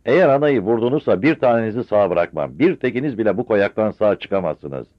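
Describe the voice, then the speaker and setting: A man voicing a young male outlaw who shouts urgently, in a dull, dry old radio recording. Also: lowish voice, very animated, fairly quick, no room sound, voice pushed up. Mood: shouting. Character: young male mountain outlaw, fierce and protective of his mother.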